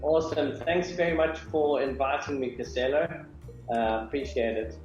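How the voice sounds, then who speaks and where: A man's voice: medium pitch, normal speed, dull audio, soft background music. South African man on a roomy video call. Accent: South African English. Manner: relaxed, with frequent ums and uhs. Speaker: guest, business founder. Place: small home office indoors. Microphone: webcam on a video call.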